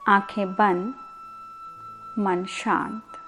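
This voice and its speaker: Soft music plays beneath a woman's medium-pitched voice as she leads a sleep meditation in her role as a yoga instructor. Her delivery is slow, soothing and careful, marked by pauses and repetition.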